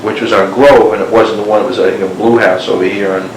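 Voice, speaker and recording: Fast and steady, a man with a fairly low voice meanders through a recorded interview about being a former neighbor, filling it with "you know" and "like." The old cassette recording is hissy and echoey.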